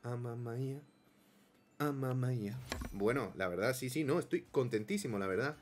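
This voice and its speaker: A man's voice: medium pitch, lively intonation, normal speed, faint music behind. A man with an accent from Spain, giving casual gameplay commentary as a YouTuber, complaining in a melodramatic, self-mocking way. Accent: Spain Spanish. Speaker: gaming YouTuber.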